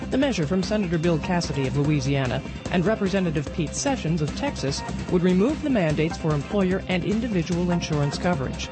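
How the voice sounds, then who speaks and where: Male radio reporter, notably high pitch, scripted bulletin with music clearly behind. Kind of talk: scripted news reading. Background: clear music bed.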